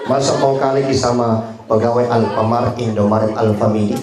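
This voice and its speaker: A man's voice: mid-range voice, steady tone, moderate pace, crowd noise. A man with a Makassar Indonesian accent giving a humorous sermon at a memorial gathering, telling stories and mimicking other people's voices. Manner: jokey storytelling, acting out other voices. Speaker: preacher. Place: memorial gathering in a market complex. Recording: roomy hall with laughing audience.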